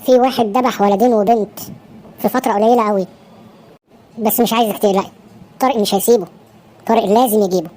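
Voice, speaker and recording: A woman voicing a gentle young man worried for his family in an Egyptian cartoon, speaking softly with an Egyptian Arabic accent. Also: medium pitch, steady tone, quick pace, pauses often, close to an everyday voice. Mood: anxious. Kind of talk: Egyptian cartoon dub acting.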